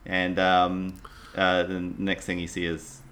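A man in relaxed conversation, recounting film scenes with trailing phrases. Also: sits low, takes it slowly. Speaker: podcast co-host discussing a film. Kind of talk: casual film discussion.

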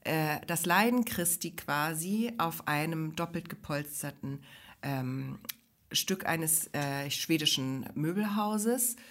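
A woman's voice: deep voice, animated, slow, fairly bright tone. A woman co-hosting a casual podcast, telling a rambling, self-mocking comic story. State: recovering from illness. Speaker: podcast co-host. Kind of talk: casual comedic chat.

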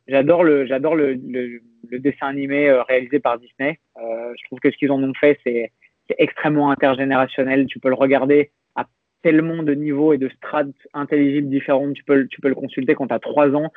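On a tinny, dry, phone-like line with no echo, a mid-range male podcast guest whose first language is French chats in a casual interview. He sounds reflective and hesitant, full of restarts and fillers.

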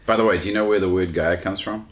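A man's voice: low voice, steady tone, fast. A man co-hosting a podcast in casual chat, teasing his partner with dry questions. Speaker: podcast co-host.

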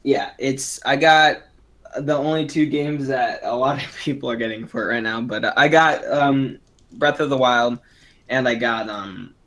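A twenty-year-old man co-hosting a casual podcast rambles through the chat, restarting often and using lots of fillers. His voice is mid-range and fairly bright in tone, at a normal speed.

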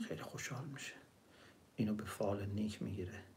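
A man giving a religious storytelling sermon, explaining word meanings and reciting verses slowly. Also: fairly low pitch, creaky, darkish tone, a little hiss or hum. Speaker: preacher.

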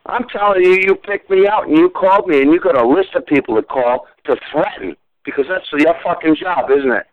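A man's voice: on the high side, fairly quick. Furious man in his forties over a phone line. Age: 40s. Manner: furious, swearing, repeating himself. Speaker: call recipient. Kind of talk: heated phone argument.

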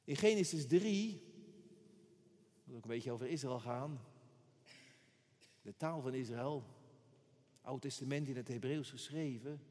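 A man's voice: mid-range voice, measured pace, long pauses, a little mellow, long reverb tail. A man preaching a sermon with emphasis, repeating words for effect.

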